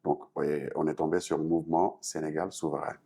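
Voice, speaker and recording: Interviewed as a talk show guest, this Senegalese artist and activist explains things earnestly in a French-speaking West African style and Senegalese accent. His bass voice is dark and husky, brisk, with little pitch movement.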